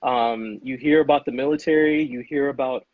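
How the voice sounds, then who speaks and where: A man's voice: medium pitch, steady tone, normal speed, dry recording, phone-quality sound. A man speaking as a podcast guest, talking earnestly and emphatically, often checking in with "right?" and calling the listener "dude". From United States. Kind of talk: earnest conversational monologue.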